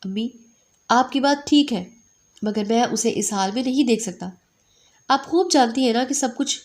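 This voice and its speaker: A woman voicing a calm, determined young man who speaks in a composed way. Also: fairly high pitch, close to an everyday voice. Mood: pleading.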